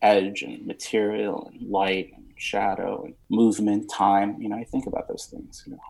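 A man's voice: lowish voice, little pitch movement, moderate pace, creaky, a little mellow, poor audio. A man in his thirties from Romania, talking in a rambling, searching way with lots of fillers and some casual swearing as an interview guest. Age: 30s.

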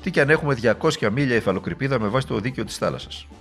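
A man's voice: mid-range voice, animated, vocal fry, faint music behind. Sarcastic man giving a political speech. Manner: sarcastic and rhetorical, mocking.

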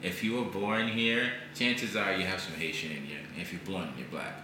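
A low-pitched man talks as a podcast guest, loose and animated, swearing freely and filling with "like" and "you know". His voice rings around a very echoey room. Steady background noise sits under it. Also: normal speed. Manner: animated, blunt and profane, lots of "like" and "you know". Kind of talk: casual conversation.

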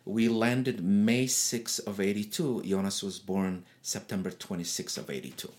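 An older man whose first language is not English, telling lively stories from his life in a casual interview and acting out the voices of people in them. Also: fairly low pitch, moderate pace. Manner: animated, acts out voices in his stories, laughs often. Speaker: interview guest. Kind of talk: casual storytelling.

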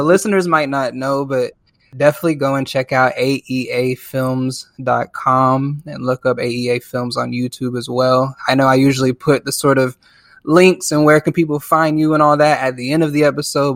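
A man's voice: medium pitch, creaky, a bit bright, no room sound, clean studio sound. A man hosting a podcast interview, asking long and careful questions. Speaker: podcast host.

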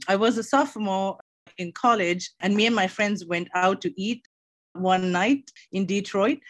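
A woman's voice: mid-range voice, dry recording. A young woman from Sri Lanka, an optician, telling her story earnestly in an interview, with small restarts.

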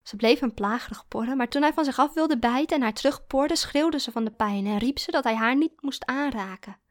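A woman narrating fiction in a calm, steady audiobook reading. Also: high-pitched, brisk.

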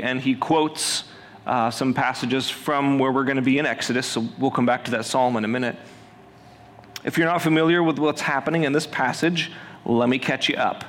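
A man's voice: medium pitch, fairly bright tone. A man in his thirties preaching a sermon in a large church, chatty and self-deprecating, with humorous asides to the congregation. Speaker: pastor. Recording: long reverb of a large hall.

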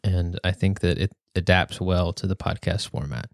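A young man hosting a podcast, reading a prepared speech in a measured, earnest way. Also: low voice, fairly even intonation, dry recording, studio quality. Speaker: podcast host.

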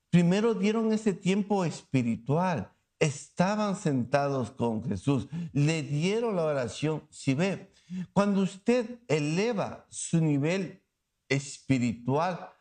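A man with a high voice delivers a sermon. He speaks in an animated way, keeps checking in with his listeners through rhetorical questions, and acts out the stories he tells. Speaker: preacher.

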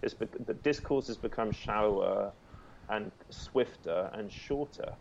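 A man in a casual podcast chat, halting and searching for words as he makes a point. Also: on the low side, gravelly, a crowd in the background. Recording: dull lo-fi sound with faint noise.

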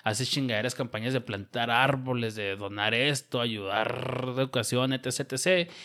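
A man's voice: mid-range voice, moderate pace, bright, forceful tone. A man chatting casually on a podcast, slangy and swearing often. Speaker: podcast co-host. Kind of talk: casual chat.

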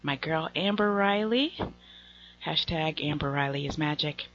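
A woman hosting a casual podcast chat, laughing often and filling pauses with ums, sometimes dropping almost to a whisper. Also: low-pitched, fairly bright tone. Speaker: podcast host. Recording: slightly dull lo-fi audio with faint noise.

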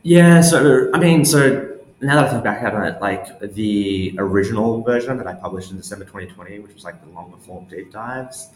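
In a lowish voice at a moderate pace, a man who founded a newsletter rambles through casual interview answers, hesitating often and saying "like" constantly. Faint background noise and a roomy echo color the recording.

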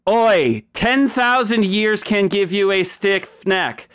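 A young female genie trainee from a tabletop fantasy game, played by a man, with a high, clean voice. She is bookish, eager and easily flustered, rattling off her rules like an awkward customer-service script. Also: animated, slow, a bit bright, clean tone, exaggerated voice. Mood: formal, eager.

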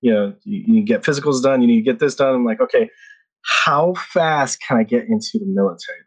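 The recording is low quality, capturing a husky, mid-range male voice delivered at a quick pace. He is a podcast guest in his thirties from the Philippines, casually spinning rambling stories full of restarts and laughter.

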